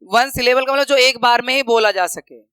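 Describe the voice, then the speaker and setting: A man teaching a grammar lesson, patiently explaining slides and slowly repeating example words. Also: extremely high pitch, pushed and bright, clear, resonant tone, no echo, rough recording.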